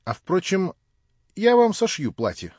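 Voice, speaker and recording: A man's voice: sits high, huge pitch swings, measured pace, no room sound, voice pushed up, heavily acted. A man voicing a kindly, fussy old male doctor who teases in a mock-stern way, in an audiobook reading. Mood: teasing. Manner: gently teasing, mock-stern. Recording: dull lo-fi recording.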